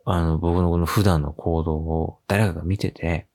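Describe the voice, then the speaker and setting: A man hosting a casual solo radio show, telling a funny story with lively acted-out quotes and frequent laughs. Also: sits low, normal speed. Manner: animated storytelling, acting out quoted voices with laughs. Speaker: podcast host.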